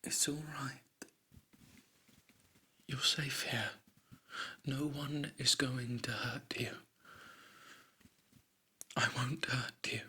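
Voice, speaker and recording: A man voicing a tender caretaker in a breathy, hushed, comforting whispered role-play. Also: medium pitch, fairly even intonation, very slow, pauses often, exaggerated voice.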